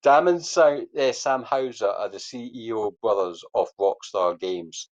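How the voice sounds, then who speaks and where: A man's voice: lowish voice, a little slow. Guy rambling through a story, lots of uhs, kinda dull lo-fi sound. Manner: rambling, with many fillers and restarts. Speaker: podcast guest. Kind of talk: casual storytelling and quiz hosting. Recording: dull lo-fi audio.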